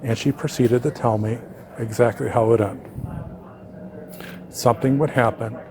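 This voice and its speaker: A therapist telling a client story and a fable in a conversational, animated way. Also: male voice, mid-range voice, moderate pace, a crowd in the background. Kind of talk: storytelling to an audience.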